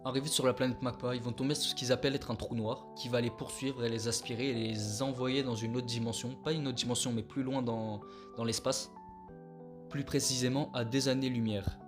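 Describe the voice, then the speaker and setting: A man's voice: medium pitch, steady tone, a little fast. A man chatting casually about an anime on his channel, with slangy, laid-back delivery and joking asides. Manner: self-mocking, joking asides. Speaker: anime YouTuber. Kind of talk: casual anime review vlog. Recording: clear background music under voice.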